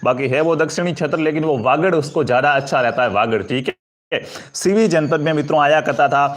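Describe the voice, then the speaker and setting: In a slightly high voice, a little fast, a man teaches an exam-prep history lesson, asking questions and answering them himself. He calls his students friends and asks them for comments and likes.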